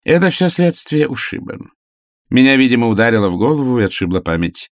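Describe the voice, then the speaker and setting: A man's voice: medium pitch, sing-song, a little fast, dry recording, clean studio sound, natural voice. A man voicing a pompous young male invalid who speaks in a stiff, formal manner. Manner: formal, stilted, condescending.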